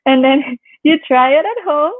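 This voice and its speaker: This is a casual interview where a young Canadian woman, a yoga instructor, speaks as a relaxed-sounding guest, laughing often and acting out others' lines. Her voice is high and animated, delivered at a measured pace. The recording is dry and sounds like a phone call.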